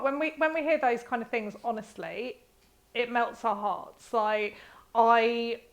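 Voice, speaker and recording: A woman hosting a casual show, reading listener emails aloud with open emotion and frequent laughter. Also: fairly high pitch. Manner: emotional, expressive, laughs often.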